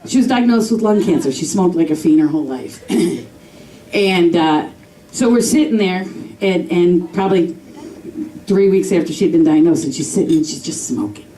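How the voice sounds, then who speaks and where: A woman's voice: lowish voice, lively intonation, normal speed, mellow. A woman in her fifties from Chicago doing a candid, self-mocking stand-up set on a club stage, swearing freely. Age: 50s. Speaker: stand-up comedian. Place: comedy club stage, audience laughing. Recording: distant echoey club recording with crowd noise.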